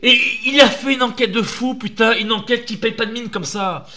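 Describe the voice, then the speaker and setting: A man ranting heatedly in defense of a youtuber, shouting and swearing often. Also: very high voice, normal speed. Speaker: fan defending a paranormal youtuber. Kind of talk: ranting video.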